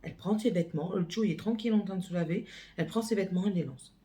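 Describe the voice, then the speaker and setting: Mellow-voiced woman rambling in a home vlog. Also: fairly low pitch, racing, a little hiss or hum. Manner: rambling and chatty, lots of hesitations. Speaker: mother and home vlogger. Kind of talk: casual vlog chat.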